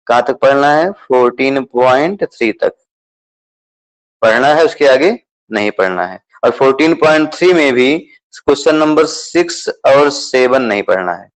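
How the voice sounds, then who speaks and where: A man's voice: medium pitch, rough recording. A man teaching mathematics, going over a syllabus, who repeats key points and keeps asking students whether they understood. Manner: repetitive, checks understanding with questions; mixes English terms into Hindi explanation. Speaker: math teacher.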